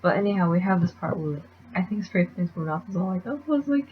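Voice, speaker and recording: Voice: mid-range voice, steady tone, fast, highs cut off, a little hiss or hum. A speaker casually recapping a comic chapter in a rambling way, with lots of fillers and restarts. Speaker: manga chapter reviewer.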